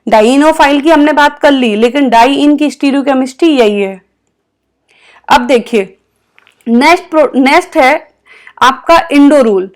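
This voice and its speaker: A woman's voice: sits high, unhurried, long pauses. A woman teaching a chemistry lecture over slides, explaining step by step and answering her own questions.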